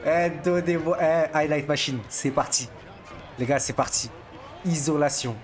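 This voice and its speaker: A young man, a gaming streamer, commentating his basketball game in casual, boastful, slangy trash talk aimed at his viewers. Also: fairly high pitch.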